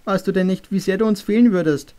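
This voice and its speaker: A man's voice: fairly high pitch, normal speed, darkish tone, close to an everyday voice. A man putting on a tearful pleading mother. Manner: sobbing, pleading.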